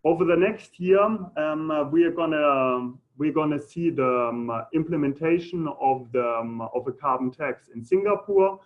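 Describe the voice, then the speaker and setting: Halting German-accented man, thin phone-like sound. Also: a little high. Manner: halting, hesitant delivery. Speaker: presenter. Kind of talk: informal conference presentation with audience questions. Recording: muffled phone-like audio.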